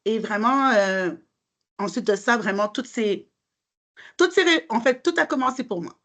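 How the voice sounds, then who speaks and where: A woman's voice: on the high side, lively intonation, normal speed, fairly bright tone. A woman from Montreal with a Quebec French accent, answering interview questions as a mortgage broker, friendly and hesitant with many fillers.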